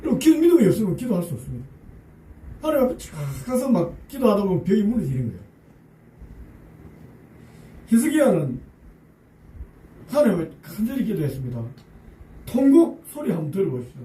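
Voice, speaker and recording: A man's voice: high-pitched, wildly swooping pitch, a little fast, pauses often, mellow. A male pastor preaching a sermon, acting out pleading prayers and chuckling along with the congregation. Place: church sanctuary. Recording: roomy church sound from a distance.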